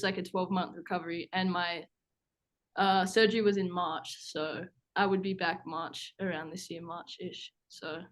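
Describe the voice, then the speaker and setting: A woman's voice: medium pitch, a bit bright. A young woman from Tasmania with a Tasmanian Australian accent, answering casually as a college athlete on a video call. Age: young adult. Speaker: college basketball player. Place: indoor team room, video call.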